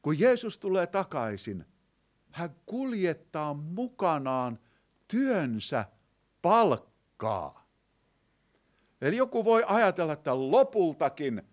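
A man delivers a sermon to a live congregation, posing rhetorical questions and slowing down to read quotes from scripture. He swings between loud declamation and quiet, low passages.

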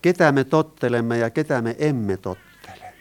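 A man preaching to a congregation, his voice at an ordinary middle pitch. He leans on key phrases and keeps turning to his listeners with questions. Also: lively intonation, darkish tone. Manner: asks the listeners rhetorical questions, rises and falls in emphasis. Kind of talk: sermon.

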